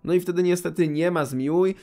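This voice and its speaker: A young man in his twenties talks straight to his viewers, handing out practical advice about university life. His voice sits slightly higher than most men's, and his delivery is scripted, direct, with a dry wry edge. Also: fairly even intonation, fairly quick, mellow. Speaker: YouTuber giving study advice.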